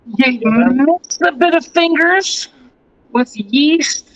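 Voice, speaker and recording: A man hosting a livestream, rambling loudly and swearing freely, with frequent laughs and a rowdy way of calling out to viewers. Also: very high voice, extremely slow, dry recording, muffled recording. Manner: rambling and profane, laughs often. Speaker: livestream host. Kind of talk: casual livestream chat.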